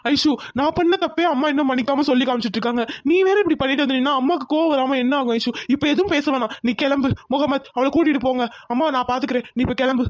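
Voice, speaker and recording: A woman voicing a dutiful adult son in a cartoon who gently calms his family. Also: sits high, very fast, few pauses, no echo, studio quality, natural voice. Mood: placating. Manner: gentle, placating.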